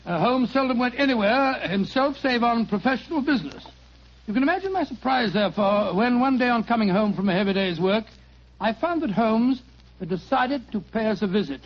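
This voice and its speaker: A man's voice: very high-pitched, expressive, fairly quick. A man playing a genial, fussy older English doctor who reminisces hesitantly and repeats himself in a 1940s radio drama. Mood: fond reminiscence. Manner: avuncular, hesitant, repeats phrases. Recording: dull 1940s radio recording.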